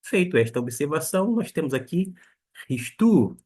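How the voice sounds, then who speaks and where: A man teaching a beginner lesson on Koine Greek, slowly spelling out each pronunciation. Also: on the high side, sing-song, a little mellow, breathy edge. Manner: slow and deliberate, spelling out pronunciations.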